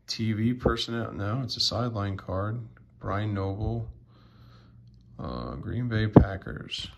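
A man casually sorting through sports cards on video, slowly reading out player names with many fillers. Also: on the low side, vocal fry, noisy background. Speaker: sports card vlogger. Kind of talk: casual card sorting commentary.

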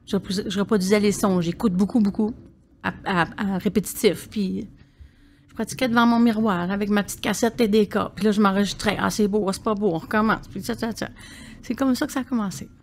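A woman in her sixties with a Québécois French accent, a singer telling stories as a podcast guest, animated and quick to laugh. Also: medium pitch, slight background noise. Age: 60s. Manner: animated storyteller, laughs often, tags phrases with "là". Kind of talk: casual conversation.

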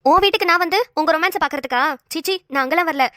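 A woman's voice: extremely high pitch, rapid-fire, fairly bright tone, no room sound. A woman voicing a playful young college friend who coaxes her pal, close and dry. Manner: playful, coaxing.

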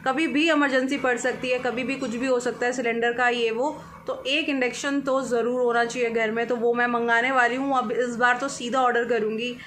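High-pitched woman doing a casual home vlog, playful sing-song with her dog, dog barks faintly behind. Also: steady tone, normal speed, few pauses, fairly bright tone, slight background noise. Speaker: vlogger. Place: at home indoors.

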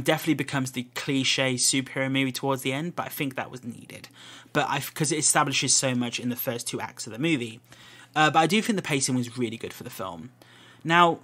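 A podcast host reviews a film solo in loose, rambling talk, often restarting his sentences. His mid-range voice is bright and forceful.

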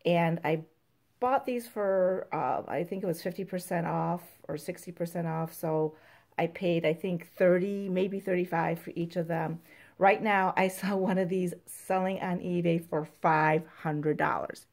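A woman with a somewhat low, mellow voice chats through a casual show-and-tell vlog. She rambles, piles on fillers, and now and then reads product blurbs aloud in a smoother tone. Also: fairly even intonation, a little slow. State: out of breath. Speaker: candle collector vlogger.

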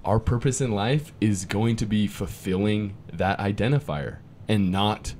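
A man's voice: fairly low pitch, fairly even intonation, darkish tone, a little hiss or hum. Upbeat young man co-hosting a podcast. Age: 20s. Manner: casual and upbeat, quick asides, reads verses aloud. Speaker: podcast co-host. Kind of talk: podcast conversation with scripture reading.

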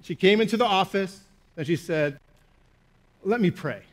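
High-voiced pastor man preaching. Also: moderate pace. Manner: animated storytelling, self-mocking, frequent "okay?" check-ins. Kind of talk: sermon.

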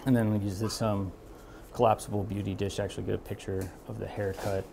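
A man in his thirties, a barber and shop owner, talking casually while he works, relaxed and rambling with many fillers, moving around the room away from the camera mic. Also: fairly low pitch, fast, gravelly, a little hiss or hum. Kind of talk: casual talk while working. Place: barbershop with brick walls, indoors.

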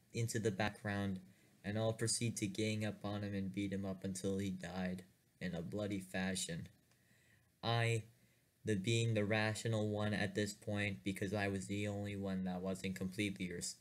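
A man narrates a comedic horror spoof in a deadpan, mock-dramatic way. He talks slowly in a fairly low voice. He uses stiff, overly formal phrasing.

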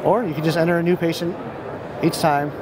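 On a noisy, busy trade show floor inside a large expo hall, with clear ambient hall noise, a software company rep demonstrates his product. He's an American in his thirties with a high-ish, fairly even, slightly fast voice, explaining each step informally and matter-of-factly.

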